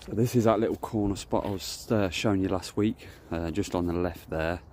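In a casual walk-and-talk vlog, a deep-voiced carp angler walks a lakeside holding his phone camera, talking in a brisk, darkish tone. He's chatty and rambling, wandering and restarting to correct himself, with a faint hiss of outdoor wind behind him.

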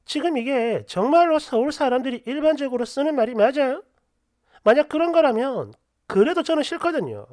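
A woman narrating online posts and their comments for a story channel, expressive and quick with sharp asides. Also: sits high, dry recording, clean studio sound.

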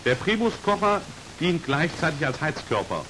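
On an aged, hissy soundtrack, a man with a voice on the high side narrates a 1940s instructional film at a moderate pace. His delivery stays formal, precise and matter-of-fact against a constant hiss.

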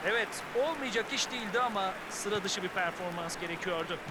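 A man's voice: sits high, fairly quick. A man giving analytical football commentary as a co-commentator. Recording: loud stadium-like background noise.

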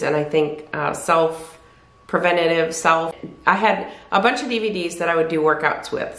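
A weight loss vlogger in her fifties chats candidly to camera beside the fireplace in her living room, rambling and often restarting or correcting herself. Her voice is deep and a bit bright. The camera sits at desk distance, and the room is echoey.

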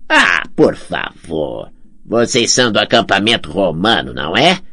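A man's voice: low-pitched, sing-song, measured pace, bright, forceful tone, pitched above the performer's own voice, heavily acted. A man voicing a greedy, scheming blind old man in an audiobook, sly and wheedling with theatrical swoops. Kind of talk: audiobook character voice.

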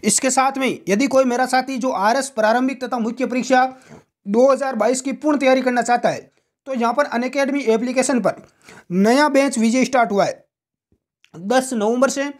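A man's voice: very high voice, moderate pace. A man hosting an informal exam news update as a coaching teacher, speaking directly to students and posing questions. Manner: direct address with rhetorical questions.

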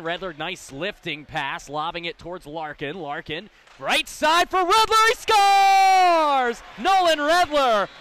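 A male play-by-play announcer calls hockey in clipped, excited phrases. His voice is very high and bright, with rink noise behind it. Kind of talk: excited sports commentary. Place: indoor ice hockey rink. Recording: noisy rink broadcast with ambience.

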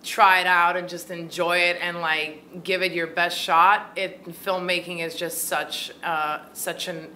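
Here a Croatian woman in her thirties who makes films and acts is being interviewed in a small room at a film festival, the interviewer holding a handheld mic. She's chatty and uses many fillers, yet her fairly low, sharp voice keeps a measured pace with few pauses and little pitch movement. Slight background noise is present.

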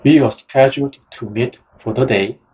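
A man narrating a nonfiction book in the first person, in a slow, measured reading style. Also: mid-range voice, breathy edge. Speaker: audiobook narrator. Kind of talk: scripted narration. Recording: dull lo-fi sound.

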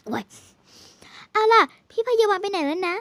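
A young woman chatting playfully and politely while playing a multiplayer game, bubbly and excitable. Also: very high-pitched, dry recording, clean studio sound. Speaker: game streamer. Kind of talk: casual multiplayer game commentary.

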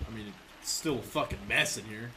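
A man's voice: on the low side, brisk. A man streaming a horror game with jumpy commentary, swearing a lot and shrieking when startled. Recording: noisy with mouse clicks.

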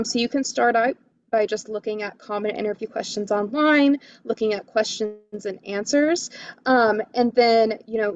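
A woman's voice: a little high, muffled recording. Upbeat woman coaching over a video call. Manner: enthusiastic, lots of "you know" and "um". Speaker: career coach. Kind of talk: webinar coaching talk.

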